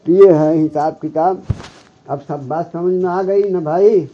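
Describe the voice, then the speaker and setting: A man giving a devotional sermon as a Sufi spiritual guide, often stopping to check with his listeners and slowly reciting Arabic scripture. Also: on the high side, fairly even intonation. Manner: keeps checking with listeners, "hmm?". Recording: muffled lo-fi recording.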